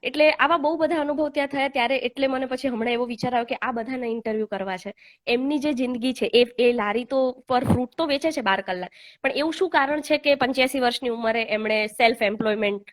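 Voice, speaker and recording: Young woman on a live chat, talks fast and earnest, lots of little "uh"s. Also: high voice. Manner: earnest, heartfelt, many hesitant fillers. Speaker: host. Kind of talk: casual live chat, personal storytelling. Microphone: online live call.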